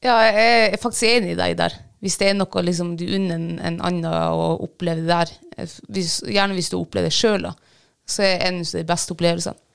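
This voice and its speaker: A woman in relaxed conversation tells a story about herself with candid, self-deprecating humor and frequent laughter. Her voice sits a little low and has a gravelly fry. Underneath that, the tone stays smooth and resonant. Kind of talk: casual chat.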